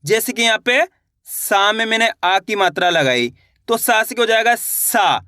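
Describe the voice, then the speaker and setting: A man's voice: sits high, animated, a little slow, sharp tone, dry recording, clean studio sound. A young man teaching a beginner reading lesson, patiently repeating each question and answering it himself.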